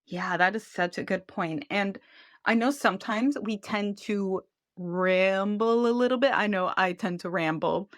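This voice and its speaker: A woman's voice: mid-range voice, unhurried, dry recording, studio quality. A woman hosting a podcast interview, chatty and eager, asking long questions on what sounds like a video call. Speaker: podcast host.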